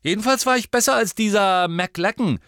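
Man voicing a cocky teenage boy wizard, raised and loud, dry sound. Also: high voice, moderate pace, no room sound, voice pushed up. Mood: boastful.

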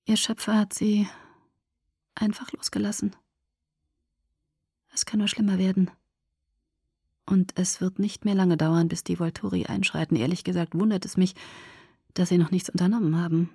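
A woman voicing a grim young male vampire soldier in a hushed, breathy whisper, brooding and slow, in an audiobook reading. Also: fairly low pitch, fairly even intonation, no echo, studio quality. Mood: grave.

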